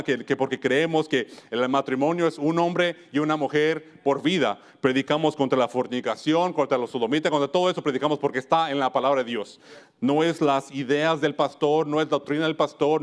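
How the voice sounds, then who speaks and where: Male preacher from Wisconsin, somewhat high voice, earnest sermon delivery with many self-corrections. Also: fairly quick. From United States (Wisconsin). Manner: earnest, often restarts and corrects himself mid-phrase. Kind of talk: church sermon.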